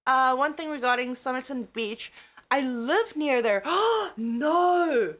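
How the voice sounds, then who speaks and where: This young woman from South Africa, with a mixed accent, speaks slowly in a high, expressive, fairly bright voice. As a tired livestream host she giggles, chats casually with viewers and swears without restraint.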